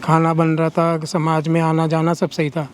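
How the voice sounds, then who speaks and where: Older father figure, fairly high voice, earnest and aggrieved, faint noise behind. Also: monotone, normal speed. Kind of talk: complaining testimony.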